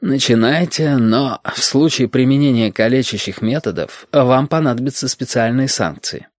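A man voicing a bearded chairman who speaks slowly and drily, weighing his words, in an audiobook. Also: mid-range voice, no room sound, voice pushed up, lightly acted. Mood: formal. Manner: slow, weighing words, dry. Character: slow, authoritative bearded male chairman. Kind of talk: audiobook character voice.

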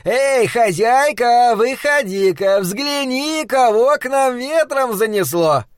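Male reader doing a loud, drawn-out, jovial plump shopkeeper, high and slow, dry. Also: expressive, dry recording, heavily acted. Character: jolly plump rosy-cheeked male shopkeeper, teasing.

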